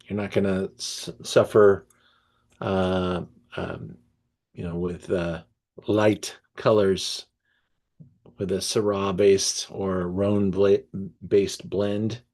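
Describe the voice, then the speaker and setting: Slow, low-voiced man reading wine notes. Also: darkish tone. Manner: reads tasting notes aloud, then riffs enthusiastically with fillers. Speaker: wine merchant presenting a tasting. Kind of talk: live online wine tasting talk.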